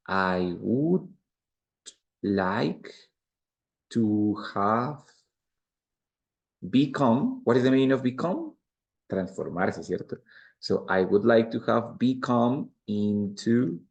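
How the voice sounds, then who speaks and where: Gravelly Spanish-accented male English teacher. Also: fairly low pitch, darkish tone, lo-fi sound. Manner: patient, explains step by step, repeats examples. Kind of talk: bilingual grammar lecture.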